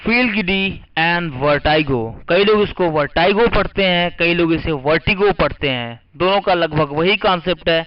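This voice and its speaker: A man's voice: sits high, moderate pace, few pauses. A man teaching English vocabulary, spelling words letter by letter and asking and answering his own questions. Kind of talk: vocabulary lesson. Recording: muffled lo-fi recording.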